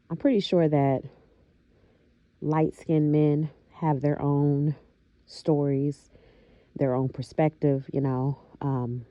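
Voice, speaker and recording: A woman vlogger with a low, dark, mellow voice talks slowly and thoughtfully, pausing on soft fillers. The sound is dry and a bit dull and muffled. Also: dry recording. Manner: slow, reflective, with frequent fillers and soft laughs. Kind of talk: casual talking-to-camera monologue.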